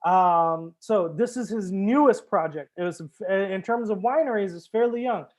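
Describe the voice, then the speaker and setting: A man hosts a live-streamed wine tasting as a sommelier, speaking at a moderate pace in a high, slightly mellow voice. He's casual and upbeat, using lots of fillers.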